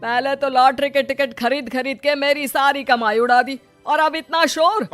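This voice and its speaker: A woman's voice: sits high, fairly even intonation, moderate pace, a bit bright, soft background music. Woman doing a grumbling cartoon husband. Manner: teasing, complaining. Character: grumbling middle-aged husband, father-in-law. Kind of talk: animated cartoon voice acting.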